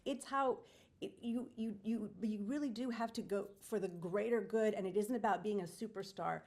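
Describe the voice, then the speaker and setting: Woman, mid pitch, enthusiastic, talkative, casual panel talk. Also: normal speed, darkish tone. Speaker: community panel participant, theater enthusiast. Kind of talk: casual discussion.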